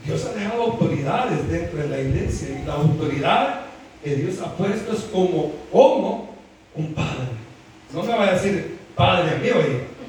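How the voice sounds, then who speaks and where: A male preacher with a high voice that leaps up and down as he drives his sermon home. He keeps turning to the congregation for agreement. The sound is distant and drenched in hall echo, with a faint hum of ambience underneath. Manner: animated, keeps calling on the congregation with "hermano" and "¿verdad?". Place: church hall. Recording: very echoey hall picked up from far off.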